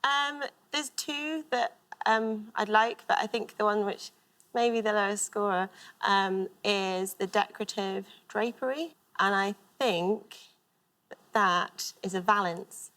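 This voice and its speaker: A woman's voice: medium pitch, unhurried, a bit bright. A woman giving a hesitant answer as a quiz show contestant.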